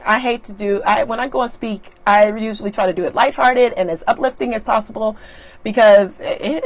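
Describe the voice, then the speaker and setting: Woman, middle-aged, casual live-stream chat, chatty, laughing, tablet mic. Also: on the high side. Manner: chatty and laughing, lively animated asides.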